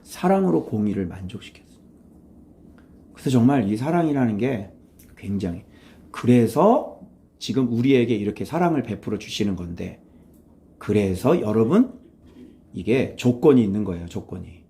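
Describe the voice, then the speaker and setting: A male pastor gives a morning sermon, his voice dark and mellow. His pitch swings widely as he poses rhetorical questions and briefly acts out the voices he quotes. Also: moderate pace, pauses often. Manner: animated, conversational preaching with rhetorical questions; acts out quoted voices, switches to blunt informal speech.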